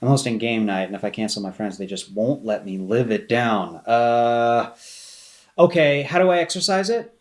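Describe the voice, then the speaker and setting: An actor playing a hesitant, deadpan man calling customer support, with dry understatement in a comedy. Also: mid-range voice, moderate pace, lightly acted. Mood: reluctant, dry. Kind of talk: comedy dialogue.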